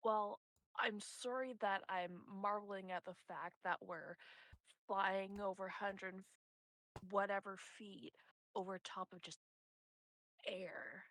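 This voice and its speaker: A woman voicing her curious, wisecracking adventurer character in her own voice, slow and unhurried. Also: mid-range voice, fairly even intonation, fairly bright tone, no room sound. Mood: awed.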